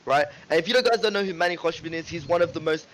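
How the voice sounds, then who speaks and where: A man co-hosting a casual podcast, talking in an animated way, swearing and often asking "right?" and "you know what I mean?". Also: on the high side, rapid-fire, poor audio. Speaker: podcast co-host. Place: home room with ring light.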